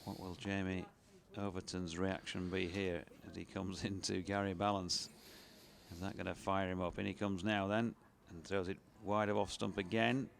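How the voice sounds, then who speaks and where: A man doing relaxed, chatty ball-by-ball radio cricket commentary. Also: sits low, moderate pace, gravelly, a little hiss or hum. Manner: relaxed, chatty, with fillers and laughs between balls.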